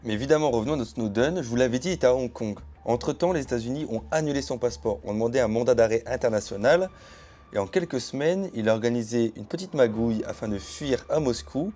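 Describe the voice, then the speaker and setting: A man's voice: mid-range voice, lively intonation, fast, warm tone. A man telling a true story as a casual explainer, chatting straight to his viewers with frequent asides. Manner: chatty, addresses viewers directly with asides and hedging phrases. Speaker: YouTube storyteller. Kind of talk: casual explainer narration to camera.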